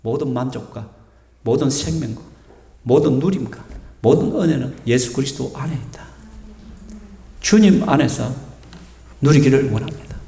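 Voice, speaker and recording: A man's voice: mid-range voice, normal speed, creaky, pauses often, dark tone. A male pastor from South Korea, preaching a sermon with emphatic rhetorical questions in a church sanctuary. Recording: echoey church hall, faint music.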